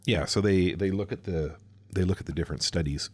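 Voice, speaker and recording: A male podcast co-host with an extremely low voice, talking casually. He explains in halting bits, full of pauses and restarts. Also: darkish tone, slightly rough. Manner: hesitant, many fillers and restarts when explaining. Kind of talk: casual chat.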